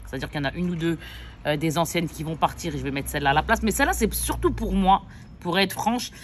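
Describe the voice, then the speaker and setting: A woman's voice: fairly low pitch, expressive, quick pace, a little hiss or hum. A woman, a mother of several children, chatting casually to her viewers as she shows off her shopping, rambling with lots of fillers and self-corrections. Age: adult mother. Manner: addresses viewers directly. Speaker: vlogger. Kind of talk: casual shopping haul chat.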